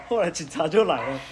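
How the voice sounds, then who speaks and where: A young man, hosting a podcast and telling a story in casual chat, animated and laughing as he goes. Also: sits high, heavy background noise. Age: young adult. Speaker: podcast host.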